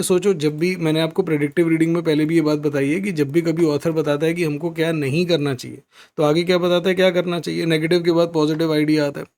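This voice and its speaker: A young man with an Indian English accent, teaching an exam-prep lesson in a recorded video, mixing English into his Hindi and slowing down to read passages aloud. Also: fairly high pitch. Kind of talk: recorded lesson explaining a question.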